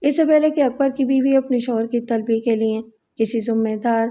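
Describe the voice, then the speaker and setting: A woman narrating a crime thriller novel as an audiobook, in measured, literary storytelling. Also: a little high, little pitch movement, mellow.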